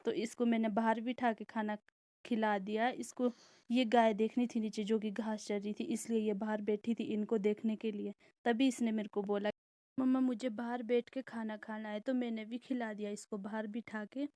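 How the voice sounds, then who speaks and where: A young mother of two daughters from the Indian hill region does a casual daily-routine vlog voice-over, walking through her cooking and childcare. Her voice is a little high, level, and dark, at a moderate pace, and her easy, chatty manner explains each step.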